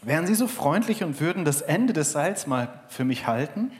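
A man's voice: a little high, very animated, normal speed. A man voicing a mysterious stranger who hangs from a rope and insists someone else hold it. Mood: polite. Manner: pleading, insistent.

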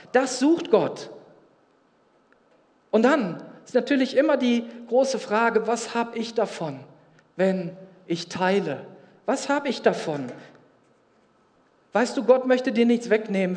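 A high-pitched male pastor delivers a sermon, speaking earnestly and directly to his listeners. He reads scripture aloud between his own points. His voice rings out with the long reverb of a church hall. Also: a little mellow.

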